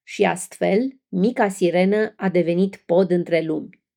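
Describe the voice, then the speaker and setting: A woman narrating a fairy tale in a soft, gently expressive storytelling manner. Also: fairly low pitch, vocal fry.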